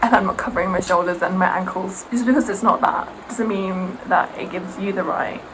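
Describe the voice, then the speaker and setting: Speaking fairly quickly in a medium-pitched voice, with background noise behind her, a young woman chats while getting ready. Serbian is her first language; as a vlogger she's animated and sarcastic, often mimicking aunties and other people.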